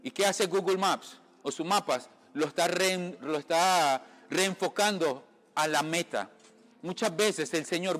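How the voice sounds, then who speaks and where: A man's voice: a little high, fairly bright tone. A man from the Caribbean giving an informal sermon, talking conversationally to his listeners, often calling them brother and checking they follow. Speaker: lay preacher. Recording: long reverb from a room.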